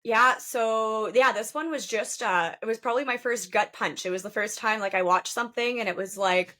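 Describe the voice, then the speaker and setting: A woman's voice: a little high, moderate pace, bright, forceful tone. Chatty woman podcaster, lots of "like". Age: 30s. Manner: chatty, many "like" fillers. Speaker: podcast co-host. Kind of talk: casual horror movie chat.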